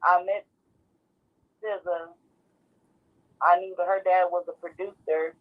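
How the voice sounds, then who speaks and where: A woman's voice: lowish voice, fairly even intonation, slow, phone-quality sound. A woman from Texas, a guest, talking in a plain, matter-of-fact way about her life story. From Garland, Texas. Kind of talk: personal storytelling.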